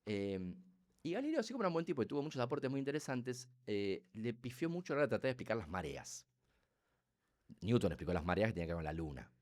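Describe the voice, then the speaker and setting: A middle-aged Argentine man with a Rioplatense accent, explaining as a neuroscientist guest in a casual podcast, talkative and animated, acting out quotes and sound effects. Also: on the low side, quick pace. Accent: Rioplatense Spanish.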